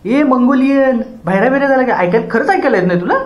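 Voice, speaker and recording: A man's voice: very high voice, expressive, fast, roomy sound, highs cut off. A man playing a teasing young friend with a raised voice. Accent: Marathi.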